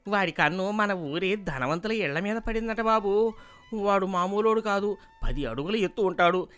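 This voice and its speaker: A man voicing an alarmist male villager in an animated story, spreading scary news. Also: high voice, moderate pace, clear, resonant tone, voice pushed up. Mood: alarmed.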